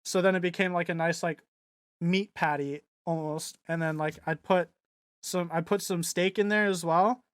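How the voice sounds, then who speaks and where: In a clean studio recording with no room sound, a young adult man co-hosts a podcast in a smooth, higher-pitched voice with fairly even intonation and a moderate pace. He chats casually and rambles, full of fillers and restarts, loudly mimicking voices when he quotes people.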